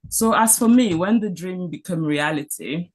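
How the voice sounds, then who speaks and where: A physician from Cameroon whose first language is French gives career advice on a career panel. She has a low, husky, expressive voice and speaks at a moderate pace, earnestly, with frequent restarts and repeated words.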